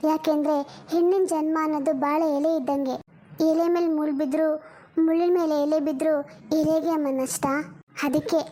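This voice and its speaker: A woman's voice: high voice, mellow, close to an everyday voice. A woman voicing a worried elder sister who works as a poor housemaid and lectures her younger sister with proverbs. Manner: lectures and scolds, uses proverbs.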